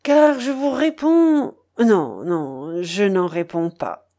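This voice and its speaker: A woman's voice: medium pitch, expressive, slow, warm tone. A woman voicing a rustic middle-aged village mayor, hearty, rambling and tipsy. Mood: jovial.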